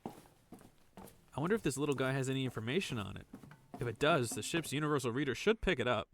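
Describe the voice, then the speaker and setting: A man's voice: medium pitch, lively intonation, brisk, gravelly, fairly bright tone, slight background noise. A man playing a conscientious, cautious and inquisitive salvage worker in a science fiction audio drama. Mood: curious, wary.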